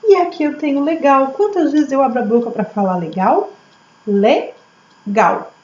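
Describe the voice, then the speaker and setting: A woman teacher, slowly sounding out words syllable by syllable for young children. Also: high-pitched. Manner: slow, syllable-by-syllable, lively teacher questions. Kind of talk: early literacy lesson for children. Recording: echoey room, slightly dull audio, faint hum.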